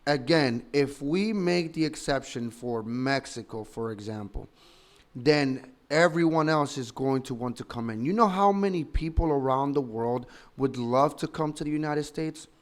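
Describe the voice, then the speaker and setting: A man's voice: medium pitch, moderate pace. A man in his thirties from the Dominican Republic, a political commentator giving opinionated, emphatic and argumentative commentary full of rhetorical questions. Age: 30s.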